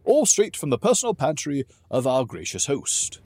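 A man voicing a boisterous, jovial male dwarf king who booms and talks with excitement. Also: normal speed, breathy edge, no room sound. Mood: eager host. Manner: booming, exuberant, excitable.

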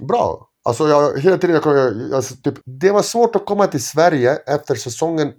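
Middle-aged guy, chatty storyteller, lots of restarts and acted-out quotes. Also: fairly high pitch. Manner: animated anecdotes with frequent restarts and "jag bara" quoting. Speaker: interview guest, former basketball player. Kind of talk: casual storytelling.

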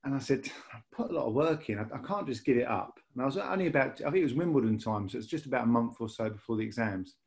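Animated and quick, with vocal fry and hardly any pauses, a medium-pitched man with a Lancashire accent tells his story. He's a rail industry manager from Lancashire, England, guesting on a casual podcast and rambling with many repeats and restarts.

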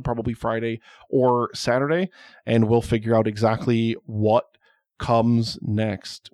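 A man's voice: medium pitch, no echo, studio quality. A man hosting a podcast in casual chat, rambling, joking and swearing as he talks about films. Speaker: podcast host.

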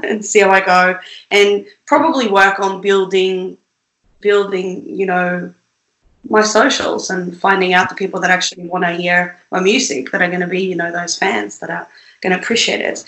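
A young woman from Sweden talks freely as a guest, full of fillers, restarts and soft laughs. Her voice sits at an ordinary middle pitch. The room gives it a noticeably echoey, roomy sound. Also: moderate pace. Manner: chatty, many fillers and restarts, laughs often. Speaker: independent musician, guest. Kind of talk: casual interview chat.

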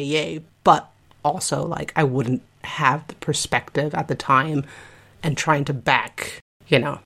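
Chatty woman with a creaky voice. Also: very deep voice. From Spain. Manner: rambling, chatty, self-interrupting. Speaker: podcast co-host. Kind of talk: casual conversational chat.

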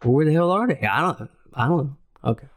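A man's voice: on the high side, expressive, fast. A man in his late thirties, a comedian guest on a podcast, rambling in casual chat with lots of "like" and "you know". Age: 30s.

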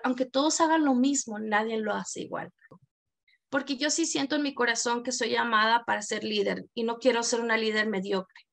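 A woman from El Salvador with a Mexican Spanish accent appears as a podcast guest, a community leader telling her story earnestly in an interview as personal testimony. Her voice is a little high and gravelly.

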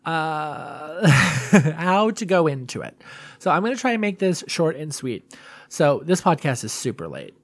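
A man's voice: a little high, big pitch swings, unhurried, no echo. A man hosting a solo podcast in a casual, confessional way, rambling and self-deprecating. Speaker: podcast host.

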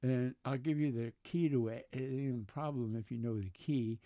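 A man's voice: mid-range voice, brisk, mellow, dry recording. A man in his seventies chatting as an interview guest, telling stories in the blunt, folksy, plain-spoken way of an old sailor. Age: 70s. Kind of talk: casual chat, storytelling.

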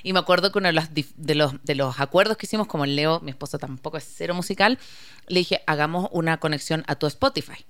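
A woman from Chile, co-hosting a podcast and chatting in a lively, storytelling way. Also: low-pitched, fast, dry recording. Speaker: podcast co-host. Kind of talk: casual podcast chat.

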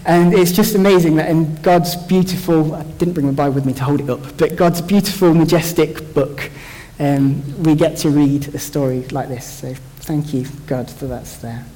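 A young man talks through a Bible story in a loose, joking way, often restarting his sentences as he thinks aloud. His voice sits a little high for a man. The sound carries a long reverb, as if recorded in a large hall. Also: steady tone, normal speed, few pauses, mellow. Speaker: church speaker. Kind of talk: informal Bible talk.

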